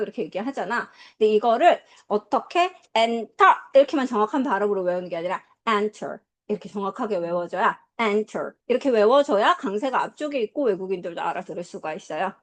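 A woman teaching English to a class, drilling pronunciation and quizzing her students in a lively, coaxing way. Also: mid-range voice, fast, hardly any pauses. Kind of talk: classroom lesson.

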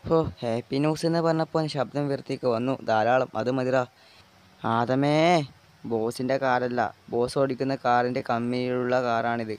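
A man's voice: mid-range voice, steady tone, moderate pace, clean tone, natural voice. A man voicing a loyal, playful best friend in an amateur dub of a game short film. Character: loyal male best friend, cheerful and teasing.

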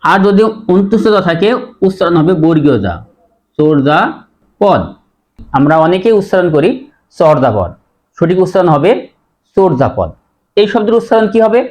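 A man's voice: sits high, a little mellow. Man teaching word pronunciation. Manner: explains step by step, repeats each word slowly. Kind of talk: pronunciation lesson.

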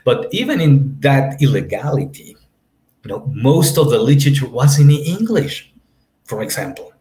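A Mexican man in his 30s whose first language is Spanish moderates an academic panel, speaking English in a sing-song way at a moderate pace. His mid-pitched voice sounds warm, and his rambling is heavy with fillers, notably "you know." He's in a home room, and the video call audio is roomy and echoey.

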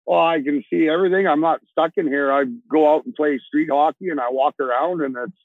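A man in his sixties from Alberta talks from his truck cab over a video call, plain-spoken, rambling and restarting his sentences. The sound is dry and tinny, like a phone line, and his voice sits a bit high for a man. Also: fairly quick, dry recording. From Alberta, Canada. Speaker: trucker guest. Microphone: earbuds on a video call.

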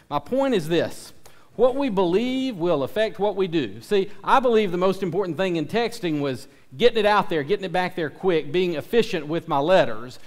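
A man giving a casual youth sermon, chatty and self-deprecating as he jokes with his audience. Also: fairly high pitch. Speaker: youth pastor.

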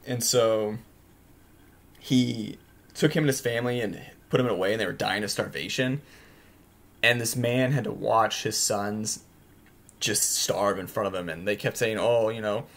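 A young man talks casually about a book he read, rambling through his thoughts with frequent "like"s and restarts. His voice sits a little on the low side. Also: a bit bright. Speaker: book podcast host.

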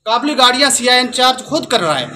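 A man, forcefully complaining to reporters at an outdoor market. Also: extremely high pitch, very animated, fast, slight background noise. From Pakistan. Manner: indignant, forceful complaint to the press. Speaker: protesting farmer spokesman. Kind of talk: street interview statement. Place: outdoor market arcade with crowd.

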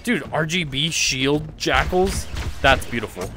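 A man giving casual, slangy gameplay commentary as a streamer, excitable and prone to exclaiming in alarm and amazement. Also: a little high, unhurried. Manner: casual slangy talk, says dude and bro. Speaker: video game streamer. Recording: loud game music and gunfire behind. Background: game music, gunfire.

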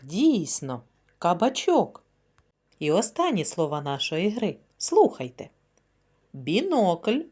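Lady preschool teacher doing a sound-catching word game, super slow, voice goes up and down a lot. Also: on the high side, a little mellow. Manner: slow, sing-song, encouraging teacher voice. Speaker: kindergarten teacher.

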